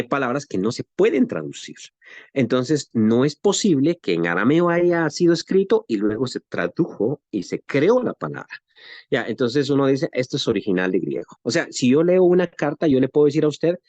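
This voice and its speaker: This Guatemalan man speaks with a western Guatemalan Spanish accent in a mid-range, slightly mellow voice, with no room sound. He teaches a Bible lesson conversationally, posing rhetorical questions and frequently tacking on "¿no?".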